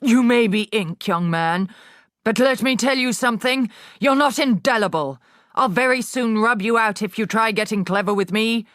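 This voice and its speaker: A woman voicing the Trunchbull, booming and cruel. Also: moderate pace, a bit bright, dry recording, studio quality, lightly acted. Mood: bellowing. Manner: barking, booming, contemptuous. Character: towering bullying female headmistress, harsh and scornful.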